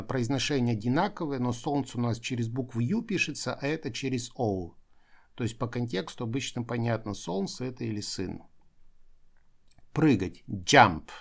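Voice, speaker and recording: Man, gravelly voice, calm explanatory teacher, repeats each word clearly. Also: mid-range voice. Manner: explanatory, repeats English words for pronunciation practice. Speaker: English teacher. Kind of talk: vocabulary lesson.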